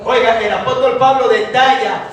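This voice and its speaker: A man preaches an emphatic sermon, weaving in his own testimony. His voice booms around a very echoey hall and reaches the mic from far off. A faint hiss sits under it. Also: fairly even intonation, moderate pace, fairly bright tone. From Ecuador. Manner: emphatic preaching, tells a personal testimony, repeats "a su nombre". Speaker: evangelist preacher.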